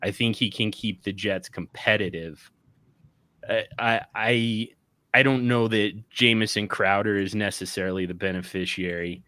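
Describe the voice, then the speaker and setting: A man's voice: lowish voice, steady tone, moderate pace, bright, forceful tone, no room sound. A man talking on a casual sports show, joking and stumbling over restarts. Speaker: podcast panelist.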